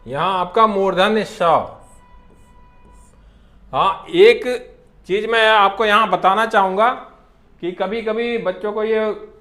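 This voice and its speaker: A man lectures in a fairly high voice. He speaks very slowly and deliberately, saying each sound on its own as a classroom teacher does. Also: a bit bright. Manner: slow and deliberate, spelling out sounds one by one.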